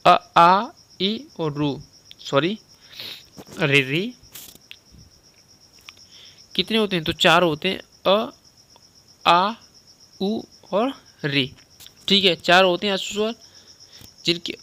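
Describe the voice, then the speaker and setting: Bright, crisp-voiced young male teacher. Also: high-pitched, no room sound. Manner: conversational, repeats points and quizzes the listener. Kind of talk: spoken lesson on Hindi grammar.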